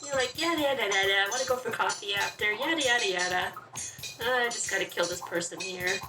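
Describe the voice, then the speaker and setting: With game music playing behind her, a woman does a let's play, reading the story text aloud expressively and reacting chattily as she goes. She speaks briskly at a medium pitch, and the sound is roomy and distant.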